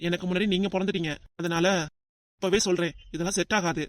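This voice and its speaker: Cartoon: a voice actor as a cautious young student, southern Tamil Nadu accent, brisk and dry. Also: medium pitch, fairly even intonation, no echo, natural voice. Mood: refusing. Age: 20s. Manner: hesitant, firm refusals. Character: cautious 20-year-old male student, dutiful son. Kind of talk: cartoon voice acting.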